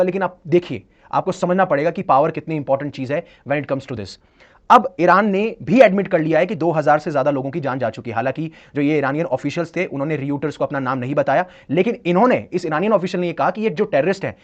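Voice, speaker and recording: A man's voice: a little high, lo-fi sound. A man giving an explanatory current-affairs lecture as an exam-prep educator, mixing in English phrases and posing rhetorical questions that he answers himself. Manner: switches between Hindi and English phrases.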